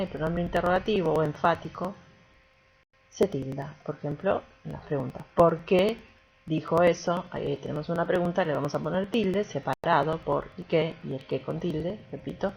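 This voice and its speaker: A woman's voice: low voice, gravelly, a little mellow, muffled recording, slight background noise. A woman teacher giving a recorded grammar lesson, explaining patiently step by step and often checking in with the class.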